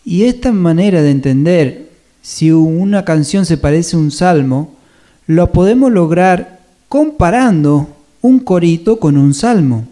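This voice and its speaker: A man presenting a church music seminar, calmly explaining hymn meter in a measured, scripted way. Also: on the high side. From Argentina. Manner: calm, measured explanation with sung hymn examples. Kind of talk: scripted teaching on radio.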